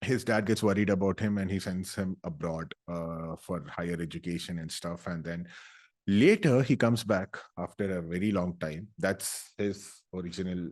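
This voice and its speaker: A young man, ranting about a movie in casual, comedic, sarcastic style, breaking into loud animated bursts. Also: low voice. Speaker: YouTuber.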